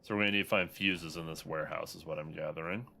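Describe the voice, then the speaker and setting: A man's voice: a bass voice, steady tone, fast, gravelly, sharp tone, a little hiss or hum. A man streaming a video game, informally thinking aloud and talking to his chat. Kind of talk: casual livestream gameplay commentary, talking to chat.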